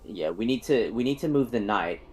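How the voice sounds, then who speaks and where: A man's voice: fairly low pitch, animated, a little fast, a little mellow, a little hiss or hum, rough recording. A man leading a game raid over voice chat, explaining positions in a rambling way with many fillers and restarts. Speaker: raid leader.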